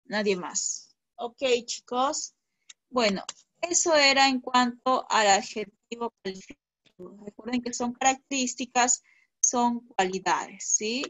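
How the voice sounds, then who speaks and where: A woman's voice: a little high, unhurried, fairly bright tone. A woman teaching an online class to schoolchildren, patient and encouraging, checking often that they follow.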